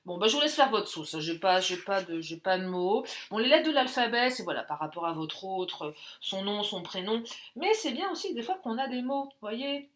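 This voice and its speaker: A woman's voice: medium pitch, expressive, moderate pace, hardly any pauses, fairly bright tone. A woman doing a casual card reading, chatty and jokey, thinking aloud with many fillers. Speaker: tarot and oracle card reader.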